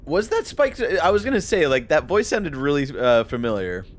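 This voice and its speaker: A man's voice: on the high side, huge pitch swings, normal speed, faint music behind. A man giving casual, slangy, reactive commentary while livestreaming a video game. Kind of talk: casual live gameplay commentary.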